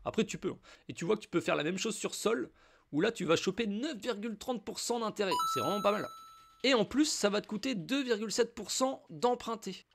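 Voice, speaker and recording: A Frenchman gives a casual, screen-recorded crypto tutorial, chatting informally with the viewer and leaning heavily on filler words. His voice is high-pitched, animated and brisk, slightly bright, with some vocal fry.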